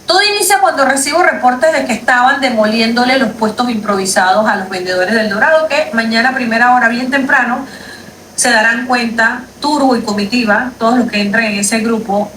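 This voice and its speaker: A Panamanian lawyer makes an indignant, emphatic livestream statement from a street at night, repeating her points. Her voice is on the high side, a bit bright and fairly quick, sounding echoey and distant from the mic with faint background noise.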